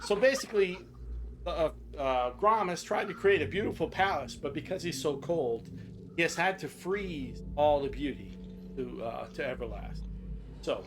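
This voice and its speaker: A somewhat high-pitched older man runs a tabletop game in easy, rambling chat. He keeps stopping to check the players follow him. A faint hiss of noise sits under his voice. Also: animated, normal speed. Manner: loose and chatty, keeps checking in with "right?". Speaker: game master.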